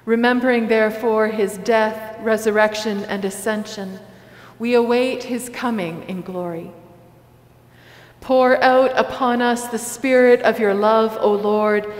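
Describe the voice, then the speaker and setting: Brief: woman pastor, slow measured liturgy, echoey church hall. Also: fairly high pitch, fairly even intonation. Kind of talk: liturgical prayer and communion liturgy. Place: large church sanctuary.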